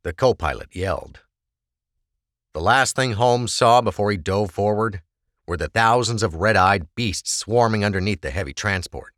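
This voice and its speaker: A man's voice: fairly low pitch, moderate pace, fairly bright tone, no room sound. A man narrating an audiobook with a dramatic, varied delivery on a close microphone.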